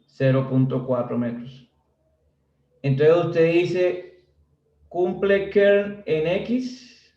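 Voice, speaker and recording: In a relaxed recorded civil engineering class, a man with a slightly high, animated voice draws out his words and pauses often. He chats and jokes with students, constantly asking "¿sí?" to check they understand. He's far off mic, so the sound is dull and roomy.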